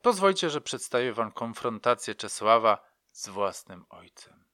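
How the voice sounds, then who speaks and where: A man's voice: medium pitch, big pitch swings, measured pace, sharp tone, no echo, studio quality. A man narrating a true crime story in a dramatic manner, addressing listeners directly.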